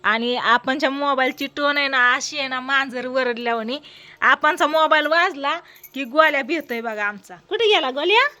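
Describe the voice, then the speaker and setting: A woman chatting casually in a home vlog, talking to her family and excitedly calling to a pet. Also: normal speed. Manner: chatty, excited, calls to a pet in a high sing-song. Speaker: vlogger. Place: home, indoors.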